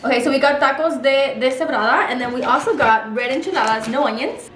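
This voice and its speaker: A young beauty vlogger from El Paso, Texas, chats casually during a mukbang, mixing Spanish words into her English. She's in a home room set up as a small studio. Her voice sits high, fast and fairly bright, in an echoey room with slight background noise.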